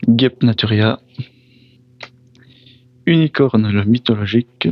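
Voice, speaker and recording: A man with a mid-range voice casually narrates opening trading card packs, reading out each card and briefly reacting before moving on. When foreign names trip him up, he apologizes. The audio is dull, with no echo.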